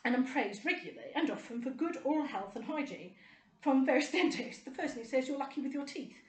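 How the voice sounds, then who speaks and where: A woman's voice: high voice, expressive, fairly quick, reverberant. A middle-aged woman, delivering an indignant, rambling and sarcastic monologue to camera. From United Kingdom. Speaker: vlogger.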